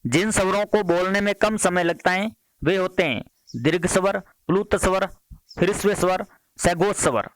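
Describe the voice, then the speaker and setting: A man running a quiz-style grammar lesson for exam students, his voice sitting a little high. He reads out each question with its options, then repeats it and settles the answer, moving briskly from one question to the next. The sound is dry and close. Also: no echo. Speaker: exam-prep teacher.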